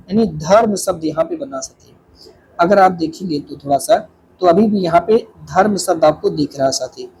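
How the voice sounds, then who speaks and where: A man teaching Hindi grammar in an exam coaching lesson. He explains each step slowly, keeps checking that students follow, and answers for them in their own words. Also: fairly high pitch, darkish tone, breathy edge. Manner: voices students' replies; casual and familiar with students.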